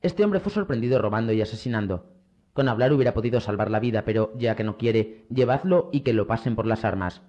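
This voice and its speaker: A man voicing a commanding, shrewd middle-aged prince with a brisk, authoritative manner. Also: lowish voice, expressive, dark tone, highs cut off, close to an everyday voice.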